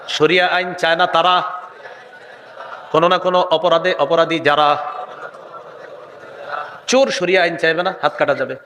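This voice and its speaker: A man's voice: fairly high pitch, sharp tone, long reverb tail, slight background noise. A man preaching a sermon, leading the crowd in call-and-response with sing-song chanting.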